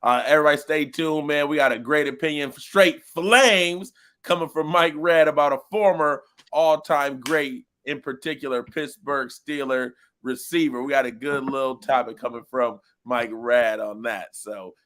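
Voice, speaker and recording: A man hosting a live sports talk show in a studio, animated and hyped, with loud exclamations. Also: a little high, moderate pace, slight background noise. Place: small studio.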